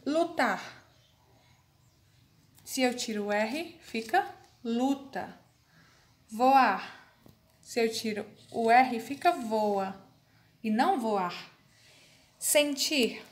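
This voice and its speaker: A woman teacher gives a recorded class to young children. She talks in a slightly high voice at an unhurried, deliberate pace, spelling out words and addressing the pupils fondly. The sound carries a noticeable room echo. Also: lively intonation. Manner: slow, careful, spells words letter by letter; affectionate toward pupils. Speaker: primary school teacher. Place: room with a board. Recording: echoey room.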